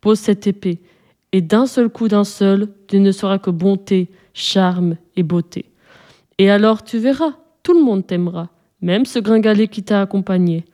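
A huge, cruel giant from a storybook mocks his foe with sneering contempt, then turns falsely sweet and coaxing, put on by a woman narrator. The tone stays mellow and dark. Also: mid-range voice, normal speed, lightly acted.

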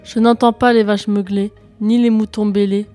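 A woman's voice: medium pitch, flat delivery, normal speed, mellow, soft background music, close to an everyday voice. A woman voicing a determined young hero, speaking earnestly and resolutely in a storybook reading. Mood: curious. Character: determined young hero, a boy grown to a man.

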